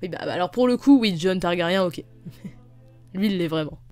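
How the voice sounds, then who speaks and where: A woman's voice: fairly low pitch, lively intonation, normal speed, a little mellow. A young woman hosting a video, giving playful, teasing commentary on fan poll results. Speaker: video host. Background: faint music.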